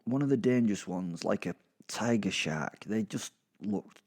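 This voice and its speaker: Narrating horror in the first person, a British man keeps things chatty and wry, peppered with swearing. His fairly low voice is expressive and darkish, and he takes a measured pace.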